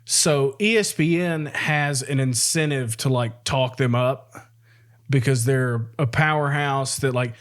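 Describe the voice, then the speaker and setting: A man's voice: mid-range voice, measured pace. A young man, co-hosting a podcast in casual, rambling chat and laughing often. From American South. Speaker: podcast co-host.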